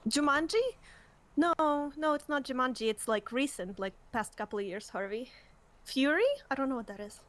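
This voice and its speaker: A woman co-hosting a live stream, chatting casually in a giggly, excitable, gushing way. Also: high voice, normal speed. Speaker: streamer, co-host.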